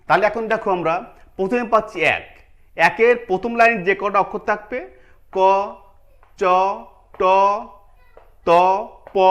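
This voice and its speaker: A man's voice: high-pitched, a bit bright. A man teaching an online pronunciation lesson, explaining step by step, repeating key points and putting questions to his students.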